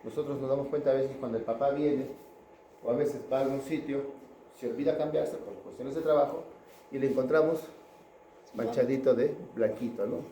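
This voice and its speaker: A man's voice: medium pitch, fairly quick, warm tone, roomy sound, a little hiss or hum, rough recording. A man giving a pediatrics class lecture, chatting with students and asking them questions.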